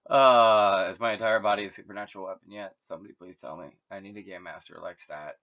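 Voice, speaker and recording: A man's voice: on the low side, fairly even intonation, fast talker, a bit bright. A man hosting his own channel, talking in a meandering, casual solo monologue full of fillers and self-corrections. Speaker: host. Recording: dull lo-fi recording.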